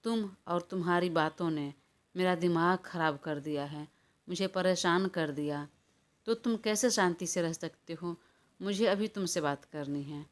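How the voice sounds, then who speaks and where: A woman's voice: on the low side, measured pace, close to an everyday voice. A woman reading an audio story, voicing a stubborn, hot-tempered young woman in a quarrelsome, defiant manner. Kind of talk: audiobook character voice.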